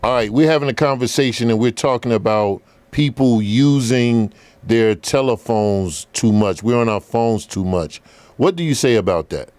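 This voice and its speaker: Male host, casual talk show; easygoing, repeats himself, middle pitch. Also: moderate pace, no echo. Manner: relaxed and conversational, repeats words. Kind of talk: casual chat.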